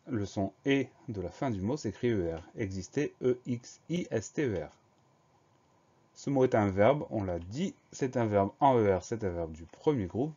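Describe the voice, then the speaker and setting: A man's voice: lowish voice, dark tone, husky, highs cut off. Methodical man spelling out words. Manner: patient, methodical, spells letter by letter. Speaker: teacher. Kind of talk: dictation lesson, spelling words out.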